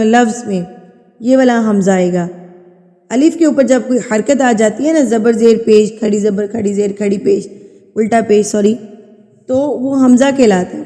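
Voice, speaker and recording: A woman teaching tajweed, explaining each rule patiently and repeating key terms, then reciting slowly with long drawn-out sounds. Her voice sits a little high and mellow. A long reverb trails behind every phrase. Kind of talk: tajweed lesson with slow recitation.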